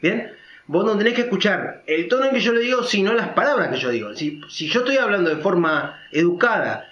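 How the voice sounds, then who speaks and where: A male vlogger with a higher-than-average pitch for a man talks loudly and emphatically in a sing-song way. He delivers a casual opinion monologue, frequently tossing in quick tag questions. The audio sounds roomy and somewhat dull.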